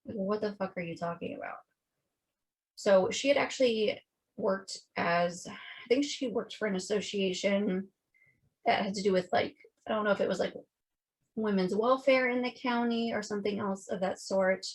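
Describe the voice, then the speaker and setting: A woman's voice: medium pitch, moderate pace. A woman co-hosting a podcast, telling a true-crime case in casual chat and swearing freely. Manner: chatty, swearing, quotes people in voices. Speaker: podcast co-host.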